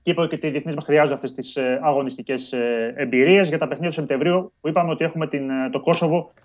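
A man's voice: on the high side, fairly even intonation. A man reporting on national football team news as a guest on a live show. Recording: dull lo-fi call audio.

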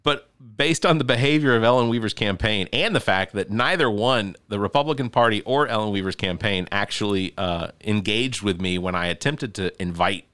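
A man's voice: fairly low pitch, moderate pace, few pauses, fairly bright tone, clear, resonant tone. A man hosting a casual podcast, rambling with many fillers and restarts. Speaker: podcast host. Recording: noisy home podcast recording.

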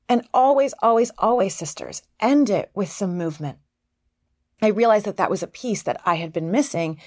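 A middle-aged woman hosting a motivational podcast as a life coach, earnest and encouraging, sometimes bursting with excitement. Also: mid-range voice, no echo, studio quality. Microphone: podcast microphone.

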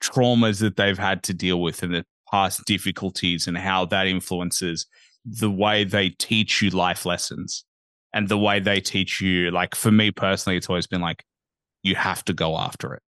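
A man's voice: sits low, fairly bright tone, dry recording, clean studio sound. A man hosting a podcast interview, asking thoughtful, probing questions in a casual manner. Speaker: podcast host.

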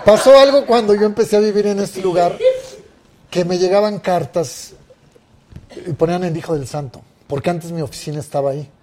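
A man's voice: sits high, a little fast, crowd noise. A man with a Mexican accent, a guest telling anecdotes in a casual interview and acting out the quoted speech of others. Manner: lively storyteller who acts out the quoted speech of others.

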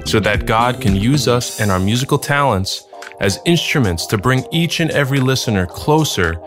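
A man's voice: medium pitch, lively intonation, moderate pace. Earnest man reading a music segment. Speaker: music production director. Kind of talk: scripted segment intro.

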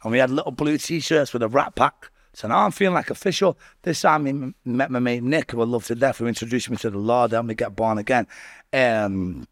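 A man with a Manchester accent talks as a guest in a casual interview. His voice sits at a middling pitch in a very dry recording. He tells stories in slangy, sweary speech and keeps checking in with the listener. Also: fairly quick, no echo. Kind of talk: casual autobiographical storytelling.

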